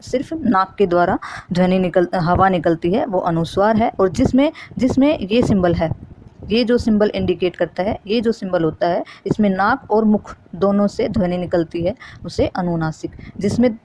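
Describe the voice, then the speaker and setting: A woman's voice: mid-range voice, normal speed, noisy background. A woman teaching a Hindi grammar lesson for exam preparation, explaining step by step and repeating key terms.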